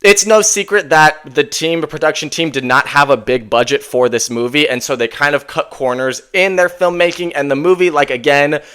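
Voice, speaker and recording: A man's voice: a little high, moderate pace, hardly any pauses, bright, forceful tone, clear, resonant tone. A man in his twenties reviewing a movie casually, enthusiastic and rambling with lots of fillers. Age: 20s.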